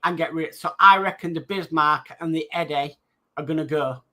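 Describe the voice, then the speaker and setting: Reading viewer comments aloud on a live stream, a male co-host then talks about them in a relaxed way. His voice leans high with a sharp tone, at normal speed.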